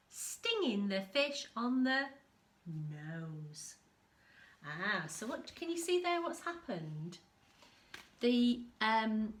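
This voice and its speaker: A woman with a fairly high, slightly bright voice reads a picture book to young children as an infant school storyteller. She's expressive and pauses now and then to explain.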